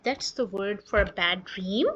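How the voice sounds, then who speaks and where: A woman voicing a calm, reassuring father bear in a storybook reading. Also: medium pitch, a little slow. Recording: dull lo-fi dry recording.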